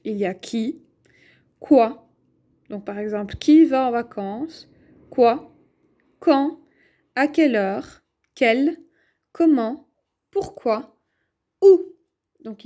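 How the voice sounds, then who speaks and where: A woman teaching a grammar lesson, explaining slowly and clearly and asking herself questions as she writes. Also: sits high, animated, dark tone. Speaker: French teacher.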